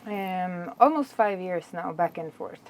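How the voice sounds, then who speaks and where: A Swedish woman with a Swedish accent touched by Jamaican patois, answering interview questions in a chatty, animated way. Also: lowish voice, measured pace, slight background noise. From Sweden. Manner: chatty, laughs easily, animated storytelling. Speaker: dancehall artist.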